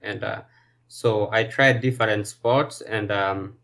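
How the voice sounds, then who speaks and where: Male guest, low voice, very slow and halting delivery. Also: fairly even intonation, vocal fry, a bit bright. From Kenya. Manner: hesitant, many fillers and pauses. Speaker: guest bodybuilder and personal trainer. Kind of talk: casual interview.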